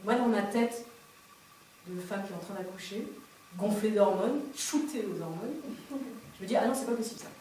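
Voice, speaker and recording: A woman's voice: medium pitch, normal speed, pauses often, a little hiss or hum. Woman telling a story on stage. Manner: lively, self-mocking, acts out sounds and cries. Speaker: performer of a political stage lecture. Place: theatre stage before an audience. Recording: distant, echoey stage recording.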